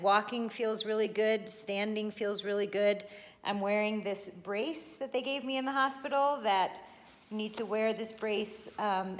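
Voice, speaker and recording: A woman's voice: mid-range voice, a bit bright. A middle-aged woman giving a casual video diary update, speaking into a handheld phone at arm's length in an open living room at home. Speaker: vlogger. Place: indoors, open high-ceilinged living room and kitchen at home. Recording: long room reverb.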